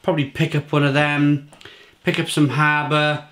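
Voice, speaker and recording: A man's voice: a little high, little pitch movement, moderate pace, fairly bright tone. A man with a British accent doing a casual beer review to camera, rambling through restarts and listing flavours with enthusiasm. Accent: British English. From England.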